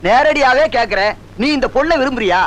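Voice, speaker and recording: An actor playing a stern, middle-aged village elder, probing a young couple in a 1980s Tamil film drama. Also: male voice, very high voice, lively intonation, brisk, noisy background.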